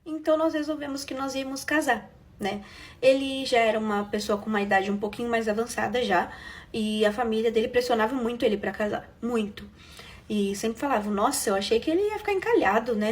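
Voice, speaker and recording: A woman's voice: a little high, a little fast. A young Brazilian woman telling a personal story in a casual, emotional confessional way, acting out what others said. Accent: Brazilian Portuguese. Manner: emotional, conversational, quotes others with lively shifts.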